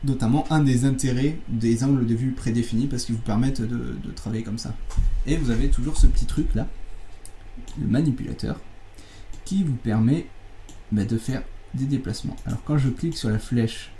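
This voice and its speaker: A man teaching a software tutorial over a screencast, talking in a casual, chatty way with fillers and self-corrections. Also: mid-range voice, normal speed, slight background noise, low-quality recording.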